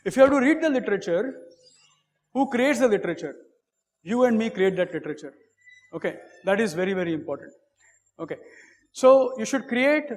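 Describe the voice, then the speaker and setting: A professor with an Indian English accent delivers an academic lecture in a measured, repetitive style, using many fillers and saying "okay" frequently. His voice is high-pitched and the recording has a big-room sound.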